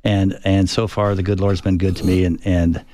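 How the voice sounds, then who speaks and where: An older man, a retired Air Force fighter pilot, telling stories in an interview with a reflective, halting manner full of restarts. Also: sits low, level tone, dark tone, slight background noise. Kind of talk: conversational interview storytelling.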